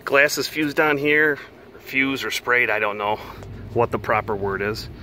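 A man's voice: medium pitch, a little slow, sharp tone. A middle-aged man, a plain-spoken farmer, giving a casual explanatory tour in a folksy way. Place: outdoors in a farmyard beside silos, partly inside a steel silo. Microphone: handheld camera or phone. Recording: noisy outdoor handheld camera audio.

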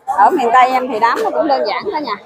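Woman, Southern Vietnamese accent, chatty vlogger, high voice, phone camera, busy party crowd. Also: lively intonation, fast. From Mekong Delta, Vietnam. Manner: chatty, addresses viewers constantly. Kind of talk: casual vlog at a wedding feast. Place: crowded outdoor wedding party. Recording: noisy crowd behind.

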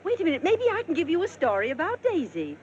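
A woman's voice: very high-pitched, wildly swooping pitch, fast, dull audio, slight background noise, exaggerated voice. An actress playing an eager, chatty mother who offers a story, in 1940s film acting.

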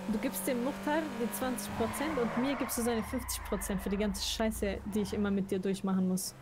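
A woman's voice: mid-range voice, moderate pace, noisy background. A woman chatting in character in a role-play, teasing and sarcastic.

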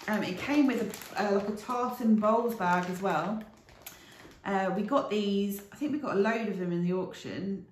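A woman's voice: medium pitch, roomy sound, slight background noise. A British woman in her thirties, chatting casually to camera in a rambling, aside-filled way as a reseller vlogger. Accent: British English.

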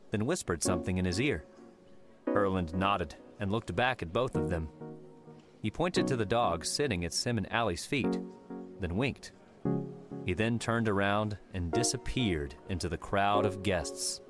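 Low-voiced male audiobook narrator. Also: animated, a little slow, loud music behind the voice. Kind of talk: scripted narration.

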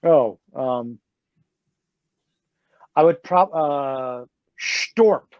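Male author, conversational, halting delivery; higher pitch, dry muffled sound. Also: animated, no echo. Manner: chatty, halting with many restarts and laughs. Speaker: graphic novel author. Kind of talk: casual conversation.

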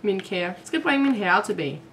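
A woman's voice: medium pitch, very animated, fairly bright tone, recorded from a distance, slight background noise. Give me a cold scheming boy who commands wolves, read by a woman storyteller.

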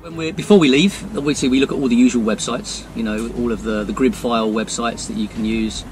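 An older man, a sailor, answering interview questions in a measured, practical way from a boat cockpit. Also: mid-range voice, fairly even intonation, soft background music, poor audio. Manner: measured, practical, with filler pauses. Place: boat cockpit under canopy, outdoors.

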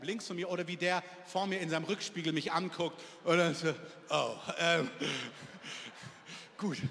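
A man's voice: on the high side, fairly bright tone. Man preaching in a reverberant church hall. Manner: conversational storytelling, asks audience questions. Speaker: pastor. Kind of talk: sermon.

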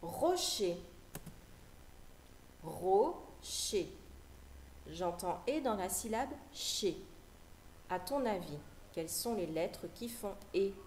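A woman teaching a phonics lesson to young children, repeating each word slowly and articulating carefully. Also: medium pitch, expressive, a little mellow, a little hiss or hum. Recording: echoey room with faint ambience.

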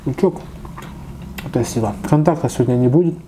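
Against a noisy background, a man in his thirties talks briskly in a medium-pitched voice during a casual eating show. He's at a table in a small indoor room, chatting between mouthfuls as the mukbang host.

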